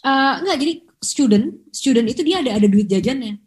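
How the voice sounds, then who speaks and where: Young woman co-host, chatty and animated, slightly high voice. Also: fairly quick. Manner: chatty, animated storytelling with Jakarta slang. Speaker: podcast co-host. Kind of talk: casual chat.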